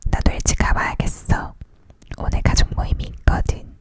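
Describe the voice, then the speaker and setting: Whispering ASMR story reader. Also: moderate pace. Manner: leaning in to whisper, entirely unvoiced. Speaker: audiobook reader.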